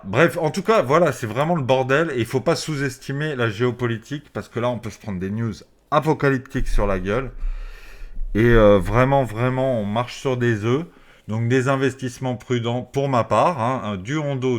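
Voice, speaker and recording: A man's voice: medium pitch, moderate pace. A man speaking through a face mask, giving casual, off-the-cuff market commentary to his viewers in informal, slangy language with some swearing. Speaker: crypto trading video host.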